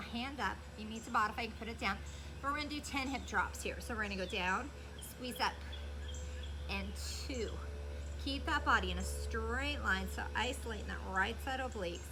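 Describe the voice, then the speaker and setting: A woman's voice: on the high side, fairly quick. A woman fitness instructor talking through exercises step by step and counting in an encouraging way, recorded outdoors. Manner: encouraging, cueing moves step by step. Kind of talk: instructional workout coaching with counting. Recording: clearly noisy, loud cicadas outdoors. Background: loud buzzing cicadas.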